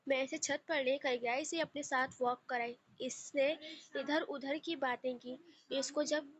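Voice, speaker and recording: A man's voice: extremely high pitch, steady tone, measured pace, a bit bright. A woman voicing a young married man who is easily flustered and complains often. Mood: complaining. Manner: exasperated, complaining.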